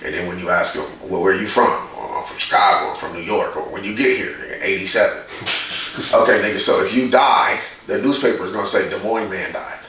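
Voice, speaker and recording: A man's voice: sits low, brisk, bright, forceful tone, very echoey, recorded from a distance, slight background noise, low-quality recording. A man in his forties from Indiana, a guest in a casual interview, who tells stories bluntly and swears freely. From Indiana, USA. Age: 40s. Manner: blunt, profane, storytelling. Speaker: guest, graffiti artist.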